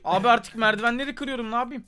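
A man hosting a casual gameplay video, talking fast and getting exasperated, often breaking into shouts. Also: very high voice. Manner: excitable, exasperated outbursts, frequent shouting. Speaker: gaming channel host.

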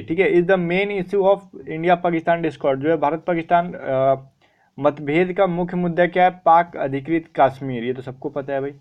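A man's voice: fairly high pitch, highs cut off. A young man teaching vocabulary in a casual mix of Hindi and English, asking questions and answering them himself. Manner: chatty, repeats "theek hai", asks and answers his own questions. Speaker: online exam-prep vocabulary teacher.

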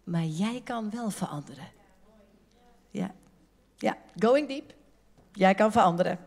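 A woman preaching a sermon at a women's conference, lively and joking, talking casually and acting out the people she quotes. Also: medium pitch, unhurried. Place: church conference hall.

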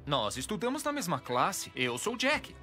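An actor playing an awkward teenage fast-food worker in an animated series dub, sarcastic and hesitant. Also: male voice, high voice, faint music behind, heavily acted.

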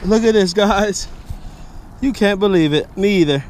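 A young man vlogging his fishing from a bridge by the sea, excitable and talkative, filmed on an action camera outdoors. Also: high-pitched, measured pace, a little hiss or hum. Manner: excitable, hollers and laughs, repeats himself.

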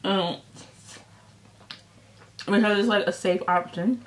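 A woman's voice: mid-range voice, fairly even intonation, slow, slight background noise. A young woman chatting casually to viewers while chewing, mouth full of food, rambling in a friendly, talkative way. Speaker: vlogger. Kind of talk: casual mukbang chat. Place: indoors, filming herself eating.

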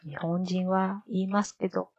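Woman streamer, low-pitched, unhurried delivery, thinks out loud and repeats lines to practice; dull lo-fi stream audio. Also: level tone, a little hiss or hum. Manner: muses aloud, repeats lines slowly to practice. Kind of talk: casual live-stream commentary.

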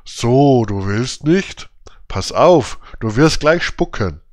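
A man voicing two menacing male robbers in a storybook reading, with a hollow, grim growl and slow threats. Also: fairly low pitch, no echo, clean studio sound.

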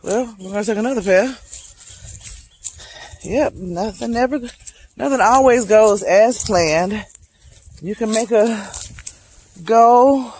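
Her voice fairly high and a little mellow, this late-thirties woman from Charlotte, North Carolina speaks slowly with long pauses as she hikes a wooded trail. She vlogs casually to "y'all" in a reflective, motivational way, recording on a phone held at arm's length, with a little hiss or hum in the audio.

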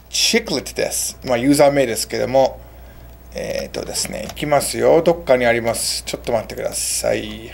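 A man hosting a casual English lesson, chatty, slowing down for English phrases. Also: a little high. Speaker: English teacher and show host.

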